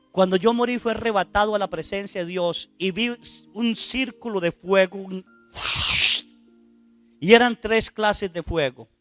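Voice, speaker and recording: Male priest, sermon, dramatic storytelling, rhetorical questions, high voice. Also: no room sound. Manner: dramatic, acts out quoted speech loudly, asks the congregation rhetorical questions. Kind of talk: sermon retelling a testimony.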